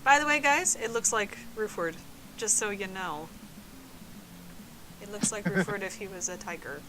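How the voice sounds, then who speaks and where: A woman's voice: medium pitch, moderate pace, sharp tone. A woman streamer reading game text aloud in a playful, giggly way. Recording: noisy stream audio.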